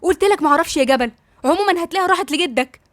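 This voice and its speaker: Woman narrator as an evasive middle-aged mom, Egyptian accent, a bit higher, dry. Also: rapid-fire, fairly bright tone, dry recording. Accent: Egyptian Arabic.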